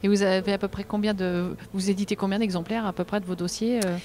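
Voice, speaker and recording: A woman's voice: medium pitch, level tone, fast, a little mellow. A woman hosting an interview, asking questions with stammered restarts. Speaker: podcast host.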